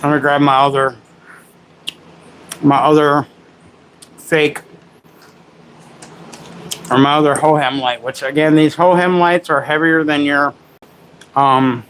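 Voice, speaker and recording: Chatty man demoing gadgets live, fairly high voice. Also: fairly even intonation, slow pace, long pauses, fairly bright tone, slight background noise, low-quality recording. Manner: rambling, self-correcting, chatty with viewers. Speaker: livestream host demoing gimbals. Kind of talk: casual live product demo.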